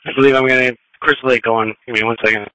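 A man's voice: medium pitch, steady tone, racing, bright, forceful tone, no room sound, rough recording. A man working as an emergency dispatcher, speaking in a clipped, businesslike procedural way over two-way radio. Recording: dry close two-way radio audio.

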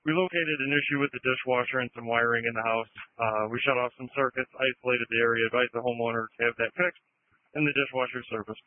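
A man's voice: medium pitch, steady tone, quick pace, dry recording. A man working as a fire and rescue responder, giving terse status reports over a two-way radio. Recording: narrowband two-way radio transmission.

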